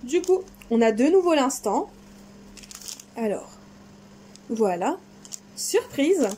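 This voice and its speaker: A high-pitched woman, chatting away eagerly as she unboxes her crafting parcels. Her voice is soft and mellow rather than bright, and a faint hiss sits under the home recording. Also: very animated, takes it slowly. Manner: enthusiastic, chatty, exclaims often. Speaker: crafting vlogger. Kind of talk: casual unboxing chat.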